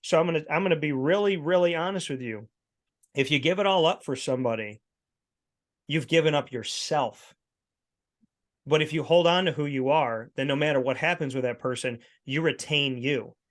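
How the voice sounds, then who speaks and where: A man's voice: a little high, a bit bright. A man in his thirties co-hosting a podcast, talking in an emphatic, preachy storytelling way. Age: 30s. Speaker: podcast co-host. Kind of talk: casual chat.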